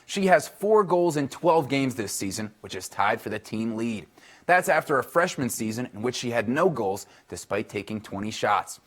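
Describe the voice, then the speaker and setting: A male sports reporter delivering a scripted local news segment. His voice sits at a middle pitch for a man, and he reads briskly and cheerfully, keeping scores and stats moving along. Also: sing-song.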